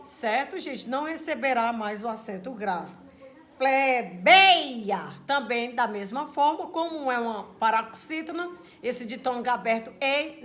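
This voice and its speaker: A woman with a high, light voice gives a recorded grammar lesson to her students. She explains each rule patiently and keeps checking that they follow along. When she says a sample word, she draws it out slowly to bring out the stressed syllable. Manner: explains patiently, checks in often with "certo?" and "gente"; slowly stretches example words out loud to stress the syllables. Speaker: teacher.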